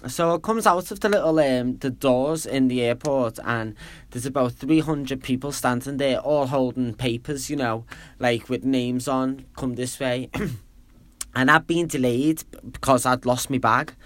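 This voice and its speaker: A man's voice: medium pitch, a little slow. A man in his thirties from Liverpool with a Liverpool accent, hosting a podcast and telling a story in a rambling, chatty, self-deprecating way. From Liverpool, England. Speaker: podcast host. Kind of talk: casual solo storytelling.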